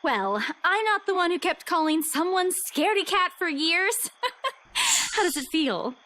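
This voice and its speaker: Playful, teasing game heroine: high, lively, bright. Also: female voice, a little slow, exaggerated voice. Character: teasing young woman, secretly frightened. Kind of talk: voiced visual novel game dialogue.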